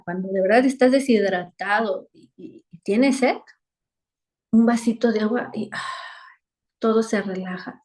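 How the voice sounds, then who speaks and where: A woman's voice: a little high, a little mellow. A woman teaching a weekly Bible lesson over a video call, earnest and repeating phrases for emphasis.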